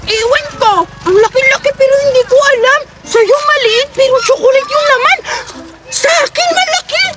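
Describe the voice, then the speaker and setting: A woman playing a cheeky, boastful little girl who whines and sings off-key, over loud music. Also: moderate pace, background noise. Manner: squeaky, whiny, boastful.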